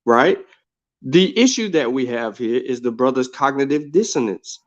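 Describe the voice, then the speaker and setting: An American man in an informal live debate, speaking in a halting, dismissive and taunting way. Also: medium pitch, lively intonation. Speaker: debate panelist. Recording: dull lo-fi online audio.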